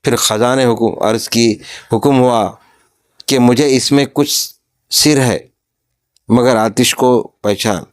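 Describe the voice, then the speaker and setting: A man's voice: mid-range voice, fairly even intonation, pauses often, clear, resonant tone. A man with a Pakistani Urdu accent, reading a religious story aloud and stopping to explain each passage in plain words.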